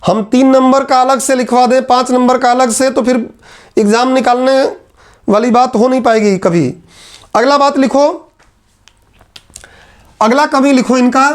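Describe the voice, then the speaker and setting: A male teacher, dictating lecture notes point by point and repeating each line for students to write. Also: extremely high pitch. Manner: repetitive, dictates points slowly then explains in quick asides.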